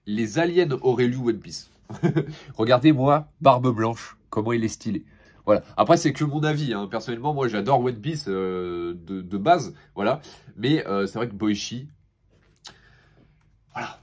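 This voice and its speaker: A young man casually reviewing his latest manga purchases in a relaxed, chatty way, with many fillers and restarts and laughs between remarks. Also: mid-range voice, a little slow.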